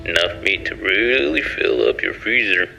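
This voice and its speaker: Man acting gravelly, low-voiced drunk backwoods buddy. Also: lively intonation, normal speed, sharp tone, muffled recording, full character voice. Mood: boastful. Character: drunk rural ex-convict buddy on the phone, gruff, casual. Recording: music behind the voice.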